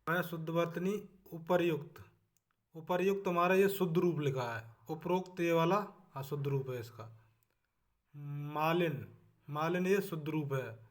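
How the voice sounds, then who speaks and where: An exam-prep teacher with a Hindi accent and a fairly high voice runs a spelling lesson at a measured pace. He drills each word by repeating it, and his voice often trails off softly at the end of a line.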